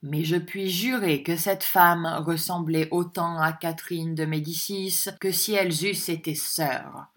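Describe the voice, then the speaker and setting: A woman's voice: lowish voice, fairly even intonation, unhurried, few pauses. A woman reading a pale, solemn provincial lawyer. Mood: grave.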